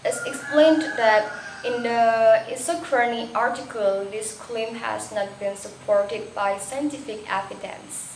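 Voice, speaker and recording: A woman's voice: a little high, unhurried. A young woman from Indonesia, reading a class presentation carefully, with hesitant restarts. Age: young adult. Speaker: student presenter. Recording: echoey room, faint background noise.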